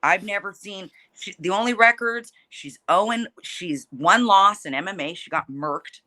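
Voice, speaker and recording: A woman's voice: medium pitch, unhurried, sharp tone. A woman fighter talking casually in an interview, feisty, combative and blunt, swearing freely as she talks trash.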